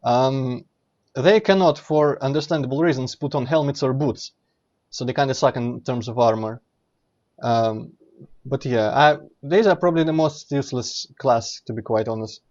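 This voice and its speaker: A man commentates casually over his own game playthrough. He explains as he goes, rambling and correcting himself, in a middle-pitched voice through a slightly dull microphone. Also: moderate pace, darkish tone. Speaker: streamer playing and commenting. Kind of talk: casual let's play commentary.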